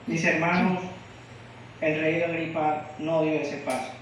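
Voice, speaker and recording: Slow-preaching man in an echoey church. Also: fairly high pitch, level tone, slight background noise. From Venezuela. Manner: asks the congregation frequent questions. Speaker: lay preacher. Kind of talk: sermon. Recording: echoey room, distant mic, dull sound.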